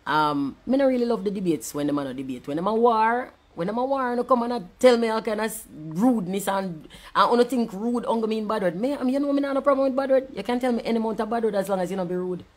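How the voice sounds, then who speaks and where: A woman's voice: on the high side, expressive, fast talker, hardly any pauses. A woman with a Jamaican accent delivering an angry, profane rant, switching between patois and standard English. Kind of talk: angry ranting monologue.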